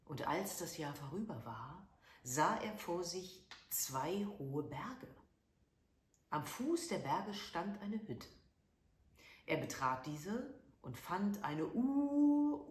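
A woman storyteller reading a fairy tale aloud in a lively, expressive way. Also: low-pitched. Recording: echoey room.

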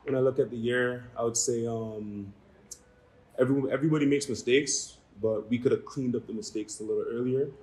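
A young man, a university football player, answering post-game press questions in a measured, reflective way with frequent ums. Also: medium pitch, fairly even intonation, darkish tone, rough recording. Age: young adult. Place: small room before a maroon backdrop.

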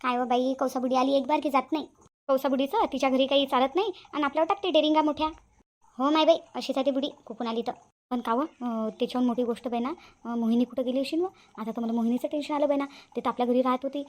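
A woman's voice: high voice, a little mellow, lightly acted. A woman voicing a chatty village daughter-in-law. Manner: exclaiming, gossipy. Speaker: cartoon voice actress. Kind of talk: cartoon family drama dubbing.

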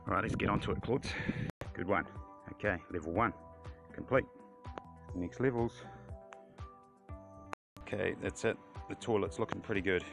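A man with a broad New Zealand accent chatting casually through step-by-step instructions, laid-back and slangy with dry, deadpan humour. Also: fairly low pitch, moderate pace, creaky, long pauses, music in the background. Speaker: home vlogger giving cooking and DIY tips. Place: house rooms, kitchen and garden. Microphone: handheld or propped phone.

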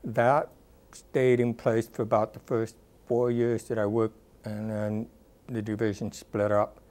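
The speaker is a man in his sixties, formerly a rehabilitation counselor, whose fairly low voice barely moves in pitch as he recalls his career. The oral history interview is deliberate and thoughtful, full of ums and uhs, and was recorded with a lapel mic in a dead studio.

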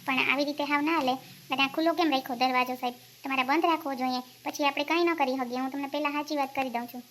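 A woman as a shrill, gravelly village scold. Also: fairly even intonation, quick pace, a bit bright, slight background noise. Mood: lecturing. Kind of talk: village comedy skit.

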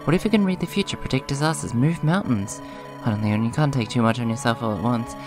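Talking fast, a gaming video host leads a casual let's play in a hoarse, subdued voice at average pitch. His rambling asides alternate with readings of the on-screen dialogue, all over clearly audible video game music.

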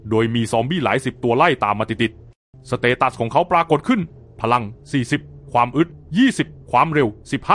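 A man narrates a manga recap as a lively storyteller, his pitch rising and falling widely. He keeps an even middle register.

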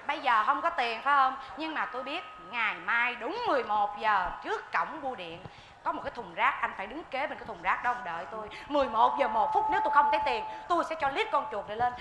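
A woman's voice: a little high, animated, lightly acted. A woman playing a scheming blackmailer in a stage comedy sketch, taunting and menacing her ex-lover. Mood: threatening. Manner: taunting, menacing, drawn-out threats. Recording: echoey stage with loud noise.

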